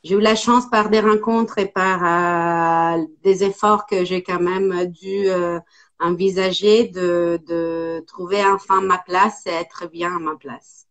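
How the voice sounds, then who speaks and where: A woman in her forties from Italy with an Italian accent, speaking as an interview guest, hesitant with many pauses and fillers. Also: fairly low pitch, steady tone, a bit bright. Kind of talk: casual interview.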